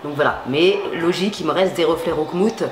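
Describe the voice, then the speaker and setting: A woman's voice: sits low, fairly quick, echoey room, background noise. A woman chatting casually while demonstrating how she dyes her hair, slangy and full of fillers. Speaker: beauty vlogger. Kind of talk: casual hair-dye tutorial chat. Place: home at night.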